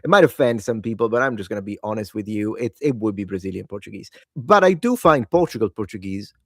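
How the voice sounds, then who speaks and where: This is a man with a fairly low, expressive voice speaking quickly, in clean studio sound without echo. A tired language-learning video host whose first language is Italian, he talks solo to the camera late at night, casually and eagerly rambling about languages he wants to learn and correcting himself often.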